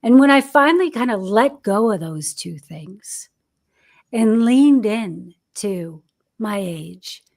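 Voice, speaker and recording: An American woman in her fifties who coaches actors on their careers appears as a podcast guest, speaking candidly and reflectively with frequent restarts and fillers. Her voice is medium-pitched and darkish, with lively intonation and a slow pace.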